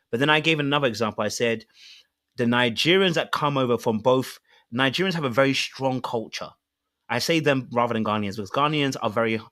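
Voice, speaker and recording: A British man on a discussion panel, laying out his points in a measured, explanatory way with examples. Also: mid-range voice, a bit bright. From Britain.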